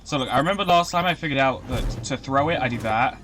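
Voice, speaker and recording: A young man chatting casually as he streams a video game, rambling and breaking into excited outbursts. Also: medium pitch, fast talker. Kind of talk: casual live-stream commentary.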